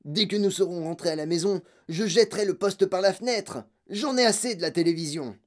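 A woman reading aloud and voicing a grumpy, blustering father who talks gruffly and shouts. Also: medium pitch, lively intonation, fairly quick, pitched above the performer's own voice, close to an everyday voice. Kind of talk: audiobook reading.

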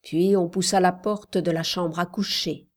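A woman narrating an audiobook in a measured, calm storytelling voice. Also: fairly low pitch.

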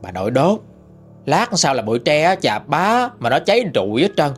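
Lively Southern Vietnamese male storyteller. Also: fairly high pitch, fairly quick. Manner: lively, chatty storytelling, dramatic rises. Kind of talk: ghost story narration. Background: faint music.

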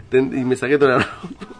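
A Uruguayan man bantering on a radio panel, telling stories and laughing often. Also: mid-range voice. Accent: Uruguayan Spanish. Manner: laughs often, animated storytelling. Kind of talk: casual banter.

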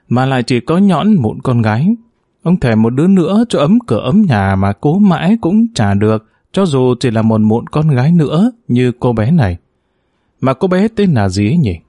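A man reads an audiobook chapter in an expressive, measured way. His pitch moves in a lively way, and his tone is mellow and dark. The sound is close and dry, with no room around it. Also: dry recording. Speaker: narrator. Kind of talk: audiobook narration.

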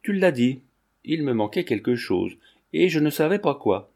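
A man's voice: medium pitch, sing-song, moderate pace, vocal fry, darkish tone. A man reading a novel aloud, voicing a carefree, whimsical young Parisian man who speaks earnestly.

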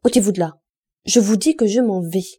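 A woman's voice: mid-range voice, steady tone, moderate pace, mellow, breathy edge, lightly acted. A woman voicing a fussy, angry married woman at a wedding, sputtering indignant complaints.

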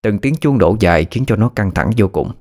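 A man's voice: lowish voice, expressive, a little fast, darkish tone. A man narrating a horror story. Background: faint music.

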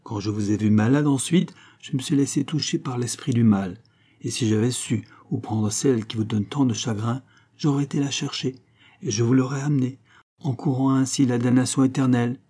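A man's voice: mid-range voice, normal speed, dark tone, close to an everyday voice. A man reading as a devoted old servant. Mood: fervent. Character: devoted old male servant, fretful and tender.

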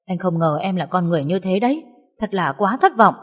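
A woman's voice: fairly low pitch, animated, fairly quick, husky. A woman voicing a stern, self-righteous young husband in a reverberant recording. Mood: lecturing. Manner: lecturing sternly. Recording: long reverb.

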